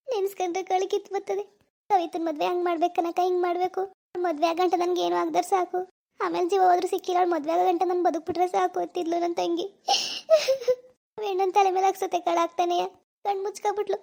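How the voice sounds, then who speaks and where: A woman's voice: very high voice, gravelly, warm tone. A woman voicing an elderly village aunt in a cartoon, tearfully recounting her sister's death. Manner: lamenting, tearful storytelling. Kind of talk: cartoon voice acting.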